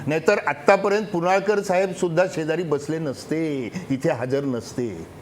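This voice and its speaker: A man's voice: a little high, slight background noise. A man, a former police officer, speaking insistently on a TV news panel. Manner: measured, insistent, repeats himself when interrupted. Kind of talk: TV panel debate.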